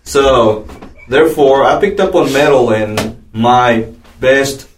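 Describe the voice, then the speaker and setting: A man from Mexico City who plays bass in a metal band, talking cheerfully and laughing often in a casual interview. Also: slow pace. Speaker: band bassist. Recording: roomy, distant, faint noise.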